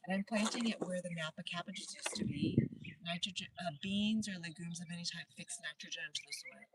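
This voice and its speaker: Woman, casual outdoor garden chat, low-ish voice, off-mic, steady background noise. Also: fairly quick, distant mic. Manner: chatty, reads viewer comments aloud, talks while working. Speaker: gardening livestream host. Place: outdoor garden in light rain. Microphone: phone set up outdoors.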